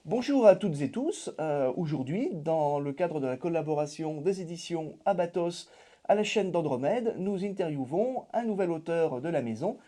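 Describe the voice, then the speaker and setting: An interviewer asking long, halting questions full of fillers. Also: medium pitch, lively intonation, warm tone.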